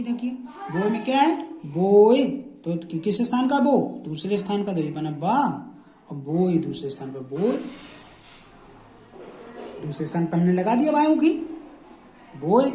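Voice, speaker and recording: A man's voice: high-pitched, warm tone, slight background noise. A man teaching a shorthand class, saying each example word aloud again and again as he explains how it is written. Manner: repetitive, drills each word aloud several times. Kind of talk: classroom lesson. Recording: echoey room.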